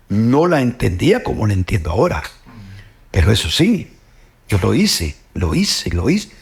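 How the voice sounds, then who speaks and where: Here a middle-aged man with a Guatemalan Spanish accent hosts an earnest faith reflection in a creaky, mid-range voice. Repetition runs through his speech, which ends on "pues, ¿verdad?".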